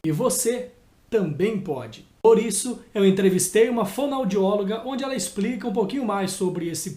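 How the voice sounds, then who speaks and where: A man's voice: high-pitched, darkish tone. A man hosting a casual interview, talking earnestly about his own experience and asking questions. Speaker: host. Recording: echoey room.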